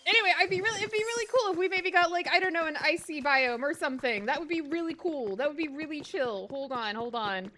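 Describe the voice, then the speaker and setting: A woman in her thirties streaming a video game live, chatting to viewers in an excitable, exclamatory way. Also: high voice, quick pace, hardly any pauses, a little hiss or hum. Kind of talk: live gameplay stream chat.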